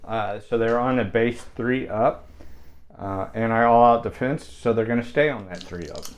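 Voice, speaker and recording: Male tabletop player, average pitch, quick reactions, faint background noise. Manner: reactive, teasing, exclaims at dice rolls. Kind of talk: casual battle report chat.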